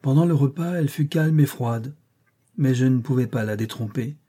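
A man narrating a classic novel as an audiobook reader, in a steady, measured way. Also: mid-range voice, slightly rough. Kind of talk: scripted narration.

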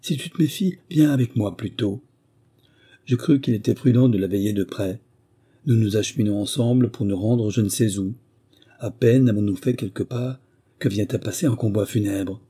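A man reading a first-person memoir aloud as an audiobook narrator, in steady, measured storytelling. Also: lowish voice, slightly rough.

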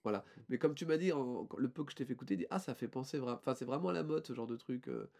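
A man's voice: mid-range voice, expressive, fast talker, creaky, a little mellow. A man co-hosting a casual podcast, presenting a band in a rambling, hesitant way with many fillers and restarts.

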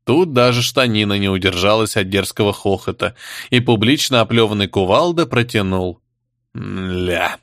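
A man narrating an audiobook, reading every character himself and raising his pitch for the female figures. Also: normal speed, fairly bright tone, no echo, studio quality. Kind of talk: scripted narration.

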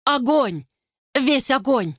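A woman's voice: high voice, lively intonation, slow, no room sound, clean studio sound, pitched above the performer's own voice, heavily acted. A woman voicing a frantic old woman in a storybook, shrieking and sobbing as she begs for help. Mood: frantic agony.

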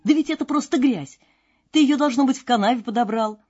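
A man's voice: high voice, animated, moderate pace, breathy edge. A woman doing smug, mocking young brothers. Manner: scornful, mocking. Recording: dull lo-fi with faint music.

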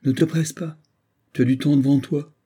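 A man's voice: fairly low pitch, normal speed, warm tone, husky. A man voicing a proud, beautiful young Romani woman who talks in a haughty, commanding way.

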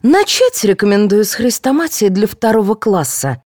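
A woman voicing a rude, indignant young female secretary who shouts and talks back in an audiobook. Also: medium pitch, big pitch swings, moderate pace, dry recording, clean studio sound, pitched above the performer's own voice.

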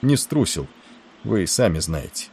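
A man's voice: deep voice, big pitch swings, measured pace, darkish tone, a little hiss or hum, heavily acted. A man reading the part of a young man answering politely and firmly. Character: young man, calm and brave.

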